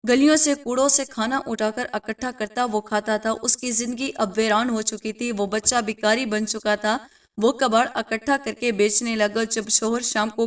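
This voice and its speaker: A woman's voice: fairly high pitch, far from the mic. A woman storyteller narrating a moral story with emotional, dramatic storytelling.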